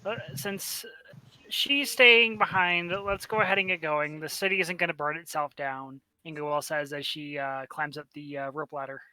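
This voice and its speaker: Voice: medium pitch, steady tone, normal speed, bright, forceful tone, smooth, dry recording, rough recording. A player in a tabletop game, narrating their character's actions casually.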